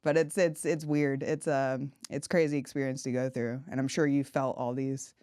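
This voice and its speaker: A woman's voice: rumbling low, little pitch movement, normal speed, dark tone, smooth, dry recording, clean studio sound. A woman hosting a podcast, a comedian chatting casually and candidly, laughing often.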